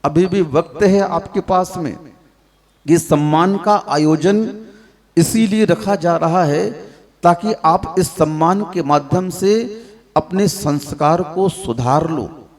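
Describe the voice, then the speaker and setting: A man's voice: on the high side, slow, long reverb tail. A man preaching a sermon to a gathered audience, scolding them with rhetorical questions. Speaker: Jain monk preacher.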